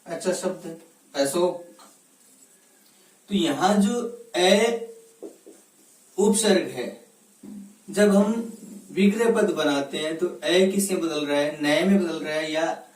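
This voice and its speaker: A woman teacher delivers a recorded grammar lesson, repeating every example word and answering her own questions. Her voice is low-pitched and slightly mellow, and it sounds set back from the mic in a roomy, echoing space.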